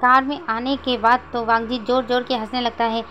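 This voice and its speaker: A woman narrating a fan fiction story in a steady retelling. Her voice is high and holds a flat, level melody. A faint hiss sits behind it. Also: a little fast, highs cut off.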